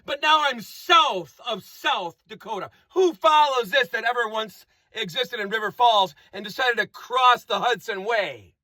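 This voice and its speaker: A man's voice: very high voice, a little slow, hardly any pauses, sharp tone, no echo. A man giving a rambling comic monologue, repeating phrases and playing with made-up words. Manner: rambling, repetitive, playful wordplay.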